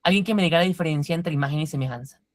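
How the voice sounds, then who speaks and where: A woman leads a Bible study class with a fairly low voice, recorded dry and close. She asks the group questions and explains key words one at a time. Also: very fast, dry recording. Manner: quizzes the class and explains Greek words step by step.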